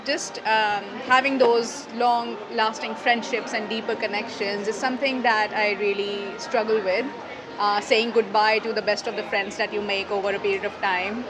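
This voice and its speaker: A woman's voice: mid-range voice, noisy background. A woman guest speaking articulately in a casual interview and laughing often between thoughts. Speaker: interview guest, digital nomad. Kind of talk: casual conversation.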